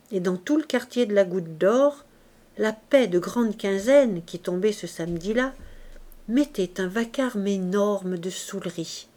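A woman with a mid-range voice narrates a classic novel for an audiobook, reading in a measured, expressive way.

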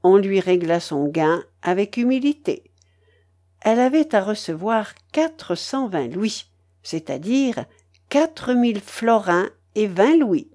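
A woman narrating an audiobook in a slow, expressive storytelling manner. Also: medium pitch.

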